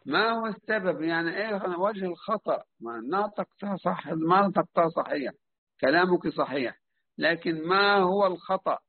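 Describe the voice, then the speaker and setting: A man with an Egyptian Arabic accent runs a recitation lesson, calling on students and drawing out each example slowly. His voice sits somewhat high for a man. It comes through a narrow, tinny phone-like call line. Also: lively intonation. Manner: patient, drawn-out quizzing, slow modelled recitation. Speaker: tajweed teacher.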